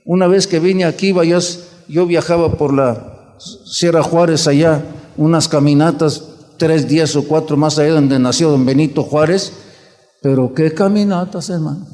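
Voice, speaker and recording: A man's voice: fairly high pitch, steady tone, normal speed, a little mellow, long reverb tail. A Mexican man preaching a sermon, urging his listeners and acting out the people in his stories. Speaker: pastor. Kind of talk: sermon with storytelling.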